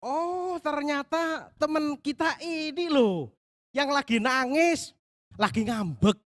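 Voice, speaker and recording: A man leading a Sunday school lesson, talking to the children in a lively, coaxing way and telling a Bible story. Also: very high voice, takes it slowly. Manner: animated, coaxing, talks straight to the children.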